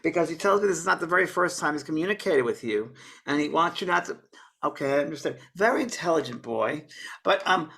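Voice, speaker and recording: Male medium, tense bright tone, slightly high voice, coaxing and earnest. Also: gravelly. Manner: earnest, coaxing, calls people honey and baby. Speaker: psychic medium. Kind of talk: live mediumship reading.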